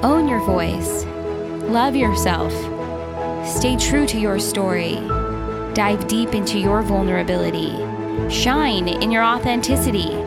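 A woman narrating a scripted, inspirational podcast intro in a slow, measured, affirming way. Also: mid-range voice, animated. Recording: loud new-age music behind.

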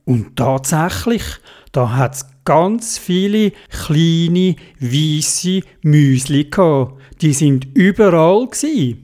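A woman with a Swiss German accent telling a children's story, gentle, sing-song and playful. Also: low voice, animated, drawn-out words.

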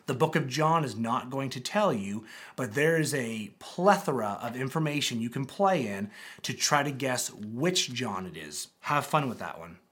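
A man preaching a sermon as pastor to his church, animated with dramatic pauses and scripture reading. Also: mid-range voice, husky. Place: church auditorium with congregation.

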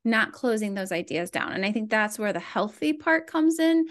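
A woman's voice: mid-range voice, big pitch swings, moderate pace. A woman co-hosting a talk podcast, speaking reflectively and trailing off as she thinks. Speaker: podcast co-host. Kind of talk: casual conversation.

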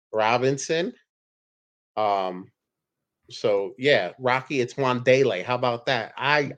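A man's voice: medium pitch, a bit bright. A man hosting a casual fantasy football podcast, laid-back and joking, often chuckling as he talks. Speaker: podcast host.

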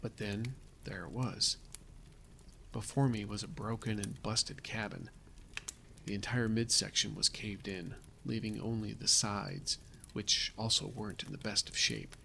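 A man voicing a frightened survivor writing his last journal entries, exhausted and cold, halting and correcting himself, sometimes dropping to a whisper. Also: on the low side, fairly even intonation, creaky, pushed and bright, slight background noise, full character voice. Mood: grim, weary. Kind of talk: audio drama reading of a survival journal.

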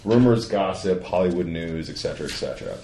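A man's voice: deep voice, animated, fast, warm tone. A man co-hosting a podcast in casual, joking chat that rambles and trails off mid-sentence. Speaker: podcast co-host. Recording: echoey room with faint noise.

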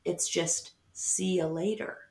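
Speaking slowly in a lowish voice, a middle-aged woman co-hosts a podcast, chatting casually and telling stories. She laughs a lot and acts out quotes with animation, all in a roomy, echoing space.

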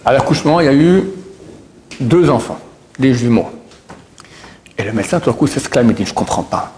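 Religious miracle stories are retold casually by a middle-aged man whose delivery is halting, full of stumbles, repeats and restarted words. He sounds expressive and medium-pitched with a darkish tone, over a little hiss or hum.

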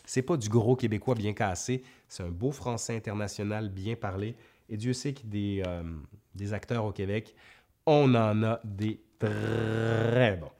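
A man speaks in a fairly low voice with a clear Quebec French accent. He chats casually to viewers as a host, reading out their questions and answering them off the cuff. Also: fairly even intonation, moderate pace, mellow. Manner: conversational, reads questions aloud then answers off the cuff. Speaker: history video host.

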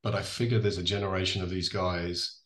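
Low-voiced Irish man, echoey room. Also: steady tone, a bit bright. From Donegal, Ireland. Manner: thoughtful, halting, self-correcting delivery. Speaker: interview guest, distillery founder. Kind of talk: conversational interview explanation.

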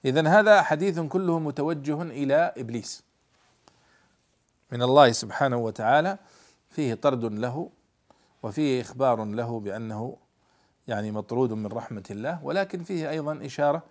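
Man, lesson commentary, middle pitch, animated delivery, stresses quoted words. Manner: lively, stresses quoted words, slows to spell out readings. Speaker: scholar explaining a Quran commentary.

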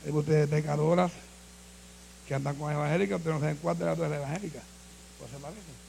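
A man preaching a sermon as pastor, switching between low, quiet passages and shouted calls to the congregation. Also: fairly even intonation, quick pace, vocal fry, a little hiss or hum.

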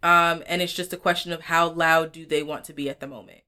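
A woman co-hosting a podcast, thinking aloud in a relaxed, reflective chat. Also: sits low, fairly quick, clear, resonant tone. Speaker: podcast co-host. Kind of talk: casual chat.

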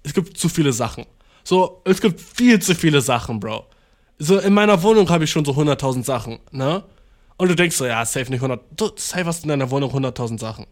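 Young man, podcast host. Rambling, slangy, self-mocking storyteller, slightly high voice. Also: animated, a little fast. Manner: rambling, slangy, self-mocking, swings between loud outbursts and mumbled asides. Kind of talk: casual storytelling monologue.

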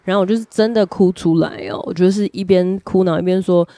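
A woman co-hosts a casual podcast, telling a story with lively energy and laughing often as she goes. The sound is close and dry, in a quiet room with no echo. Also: lowish voice, fast talker. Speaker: podcast co-host. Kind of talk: casual chat, personal storytelling.

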